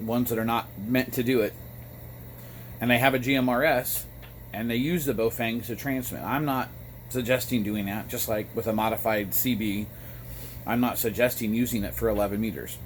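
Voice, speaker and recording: In a noisy phone recording, a man who is an amateur radio operator and vlogger explains things to the front camera in a stop-start, informal way, adding apologetic asides. His voice is mid-range, and a two-way radio can be heard in the background.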